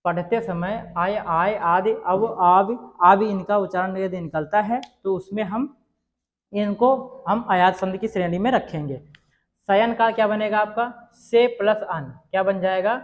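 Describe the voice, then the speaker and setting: A man teaching a grammar lesson, sounding out words slowly and asking the viewer whether they understood. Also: sits high. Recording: dull lo-fi sound.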